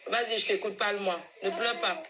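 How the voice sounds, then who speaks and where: A woman from Cameroon, a mother coaxing her child on a speakerphone call. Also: mid-range voice. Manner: coaxing, patient with her child, then hurried and loud. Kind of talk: casual phone call vlog. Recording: crowd chatter behind.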